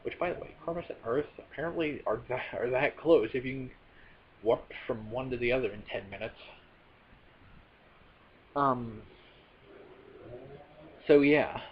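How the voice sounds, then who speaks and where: A man's voice: mid-range voice, measured pace, pauses often, breathy edge. A man casually recapping a film plot as a reviewer, rambling with many fillers and self-corrections. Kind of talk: casual spoken movie recap. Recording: dull lo-fi recording with faint noise.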